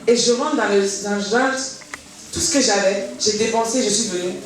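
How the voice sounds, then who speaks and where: A woman giving a spoken testimony in church, telling her story in a lively way and acting out the voices of the people in it. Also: medium pitch, moderate pace. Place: church hall. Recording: echoey hall from far off, faint noise.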